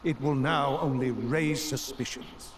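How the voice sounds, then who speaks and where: An actor playing an older man, the calm, aloof director of a science institute in a video game, speaking in a measured, formal way. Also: mid-range voice, crowd noise, lightly acted. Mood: stern.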